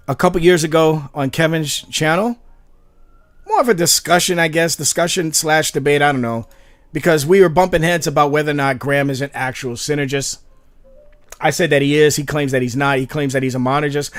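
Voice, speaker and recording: A man's voice: a little high, a bit bright, no room sound. A man hosting a livestream, talking in an exasperated, rambling way with frequent restarts. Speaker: channel host. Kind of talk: livestream commentary.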